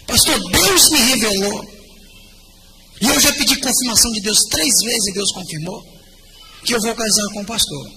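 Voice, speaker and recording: A man voicing an insistent 67-year-old churchwoman who believes God told her to marry him, over loud background noise. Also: very high voice, animated, moderate pace, long pauses, long reverb tail. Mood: eager. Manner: insistent, pious. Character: pushy 67-year-old churchwoman sure of revelation.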